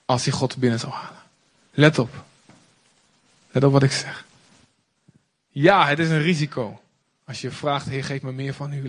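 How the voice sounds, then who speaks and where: A young man from the Netherlands preaching a sermon with passionate, emphatic repetition. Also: a little high. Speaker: pastor.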